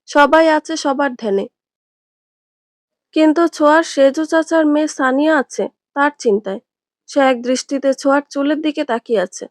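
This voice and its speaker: A woman storyteller reading a dramatic story aloud in a steady narrating voice. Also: sits high, normal speed, long pauses, dry recording, studio quality.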